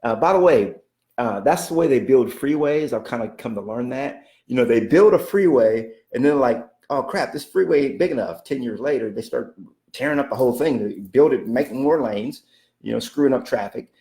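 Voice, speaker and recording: An expressive real estate coach with a dark, mid-range voice speaks at normal speed in an echoey room. His motivational coaching is emphatic and full of repetition, peppered with "okay?" checks and preacher-like talk of God.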